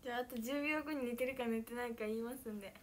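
A young woman chatting casually on a livestream, playful and mock-dramatic, sometimes dropping to soft murmurs. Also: on the high side, rapid-fire, a little hiss or hum. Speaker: idol livestreamer. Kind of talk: casual livestream chat with viewers.

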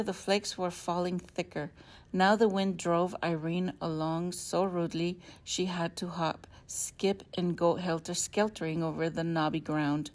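A woman teacher reading a picture book aloud to children, expressive and friendly. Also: fairly low pitch. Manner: warm, expressive storytelling to children.

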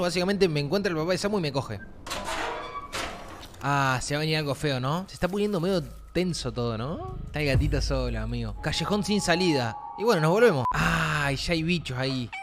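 A man with a Rioplatense accent streaming a video game, chatting casually, swearing freely and reading the game's text aloud. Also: a little high. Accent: Rioplatense Spanish. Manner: excitable, swears freely, slangy. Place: home streaming setup. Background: game music.

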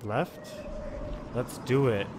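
A man's voice: medium pitch, very slow. A man hosting a let's-play, chatting casually with a co-player, laughing often and swearing mildly. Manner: laid-back, laughs often, mild swearing. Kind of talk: casual gaming chat. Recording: noisy background.

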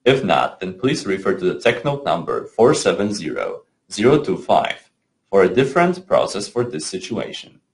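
A man narrating a scripted software tutorial, giving clear step-by-step instructions with the odd small slip. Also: sits low, sing-song, normal speed.

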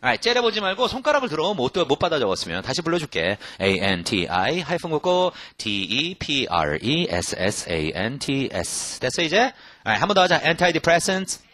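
A man teaching English in Korean, joking, repeating phrases slowly and spelling words out letter by letter. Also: a little high, very animated, sharp tone, no echo. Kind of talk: casual spoken English lesson.

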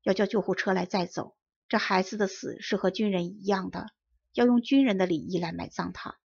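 Storybook cavalry officer, stern and commanding, read by a woman with a gravelly voice. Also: mid-range voice, fairly even intonation, brisk, a little mellow, no room sound, muffled recording. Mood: grieving. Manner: urgent barked commands.

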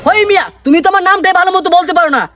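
A foolish old village dad in a comedy sketch, squeaky and fast-talking. He brags indignantly, sounding far from the mic in clear noise. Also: over music. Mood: indignant, boastful. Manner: indignant, bragging. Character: boastful foolish old village father chasing online fame. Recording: distant, noisy track with clicks.

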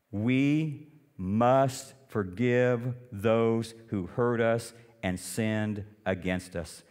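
A man preaching a sermon as a pastor, animated and asking the congregation questions. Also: lowish voice. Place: church sanctuary. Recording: long church reverb.

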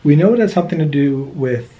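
A man in his thirties chatting casually on a travel vlog, agreeable and quick to back up his partner. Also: fairly high pitch, animated, dull audio. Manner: agreeable, backs his partner with short yeahs. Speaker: travel vlogger. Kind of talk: casual chat.

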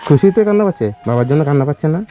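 Interviewing villagers on location, a young charity vlogger host coaxes answers and repeats his questions casually. His slightly high, warm voice is animated and racing, with soft music in the background.

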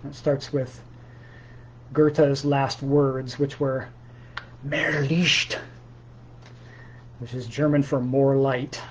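A man with a measured, deliberate delivery that leaves pauses, speaking as a poet sharing his own work in an informal setting. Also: mid-range voice, little pitch movement, warm tone, slight background noise, poor audio. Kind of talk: slow poetry reading with informal spoken commentary.

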